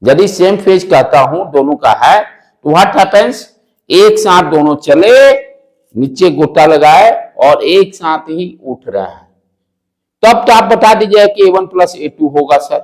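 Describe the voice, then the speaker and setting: A loud physics teacher with an Indian accent lectures slowly, his voice pitched high and expressive. He poses questions, repeats key phrases and mixes in English, though the audio quality is poor.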